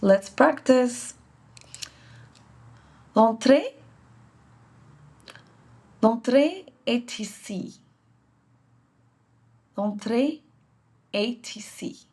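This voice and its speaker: Very slow, careful woman learner. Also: fairly high pitch, expressive, darkish tone. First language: not French. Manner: repeats each phrase carefully, self-correcting. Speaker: channel host practicing French. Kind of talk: slow pronunciation practice.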